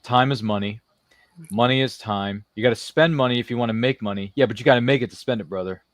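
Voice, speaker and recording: Recorded with clean studio sound and no room reverb, a medium-pitched man talks fast while hosting a casual live interview show. He reads comments from viewers and keeps throwing in playful, slangy, theatrical asides to people not present.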